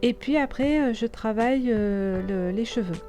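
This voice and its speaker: A woman narrating a craft tutorial in a casual, hesitant way, with many pauses and restarts. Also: on the high side, warm tone, soft background music. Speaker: scrapbooking tutorial host.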